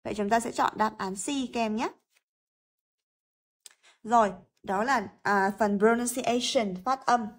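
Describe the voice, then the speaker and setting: A Vietnamese-accented woman explains English exercises in a high voice. She speaks slowly and carefully and repeats each word to model its pronunciation. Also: steady tone. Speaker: English teacher.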